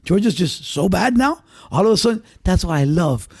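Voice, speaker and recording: A man's voice: high-pitched, lively intonation, moderate pace, a little mellow, slightly rough. A man co-hosting a sports podcast, talking emphatically and repeating his points in casual chat. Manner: emphatic, repeats himself, betting talk. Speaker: podcast co-host.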